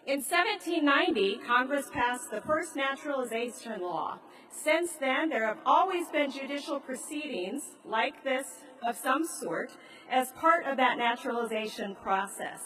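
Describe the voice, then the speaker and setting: An American woman speaking as a presiding judge, giving a formal, measured ceremonial address. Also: high voice, expressive, pushed and bright, soft background music. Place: large grand hall in a train station. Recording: echoey large hall, distant mic.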